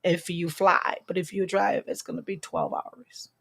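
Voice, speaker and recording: A woman's voice: on the low side, fairly even intonation, measured pace, vocal fry, a bit bright, breathy edge. A woman from Brazil with a Brazilian accent, talking earnestly on a podcast as a guest, often repeating and restarting her words. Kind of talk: casual podcast chat.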